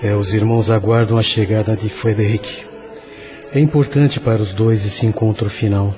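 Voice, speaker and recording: A man playing a serene, wise spirit guide, measured and didactic in a radio drama. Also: lowish voice, steady tone, warm tone, lightly acted. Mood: serene, solemn. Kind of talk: solemn radio drama acting. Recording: music under the voice.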